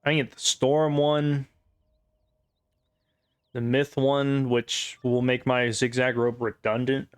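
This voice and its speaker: A man's voice: mid-range voice, level tone, slow pace, pauses often, smooth, no room sound, studio quality. A man giving casual, rambling gameplay commentary, sarcastic and full of swearing. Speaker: gamer.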